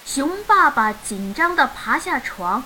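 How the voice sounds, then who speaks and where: Lively, bright woman reading a picture book. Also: high voice, slow, slight background noise, rough recording. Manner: expressive, animated storytelling. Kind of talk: storybook reading.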